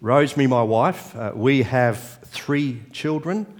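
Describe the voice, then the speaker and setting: An older man with an Australian accent, preaching as a guest pastor in short phrases that leave pauses for an interpreter, with light humour. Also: mid-range voice. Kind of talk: sermon with live interpreter. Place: church sanctuary. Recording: reverberant church hall.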